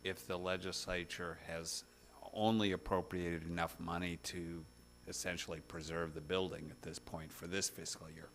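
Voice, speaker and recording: A man puts a question to counsel as a judge in court. His voice is very low, with a faint hum in the recording. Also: level tone, normal speed, a bit bright. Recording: faint hum and background noise.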